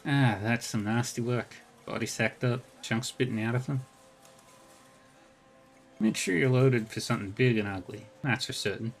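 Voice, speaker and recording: A man's voice: mid-range voice, moderate pace, vocal fry, close to an everyday voice. A man voicing a tough, blunt woman ranger from Dublin with a lilting Irish accent and dry, folksy humour. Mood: wry.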